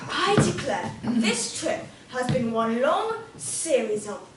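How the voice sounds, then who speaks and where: A woman's voice: on the high side, very animated, slow. A teen girl playing a cranky fussy old lady. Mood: indignant. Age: teenage. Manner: scolding, indignant. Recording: echoey school stage from far off, loud hiss.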